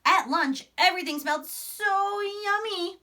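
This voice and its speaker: With an extremely high pitch and a bright, forceful tone, a young woman teacher reads to children at a slightly slow pace. She's a primary school teacher doing an animated read-aloud with chatty asides in a small indoor classroom.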